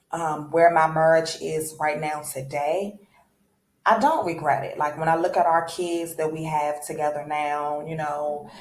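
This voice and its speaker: A woman's voice: sits low, darkish tone, roomy sound, slight background noise, rough recording. A woman in her thirties telling a candid, reflective personal story in a casual storytime vlog. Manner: candid, reflective, many fillers and restarts.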